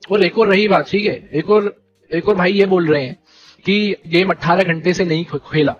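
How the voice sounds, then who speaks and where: A man's voice: high-pitched, normal speed, highs cut off, soft background music. Indignant young man ranting on stream. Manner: animated and indignant, keeps repeating "theek hai" and "bhai". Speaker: esports team leader streaming to viewers. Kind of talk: heated live-stream rant.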